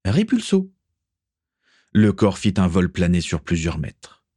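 A man narrating an adventure story in a steady, even reading voice. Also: sits low, normal speed, dry recording, clean studio sound. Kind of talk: audiobook reading.

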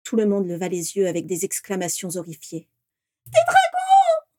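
A woman narrating a fantasy story in a steady, expressive reading voice. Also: fairly low pitch, fairly quick, no echo, clean studio sound. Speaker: audiobook narrator. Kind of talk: scripted narration.

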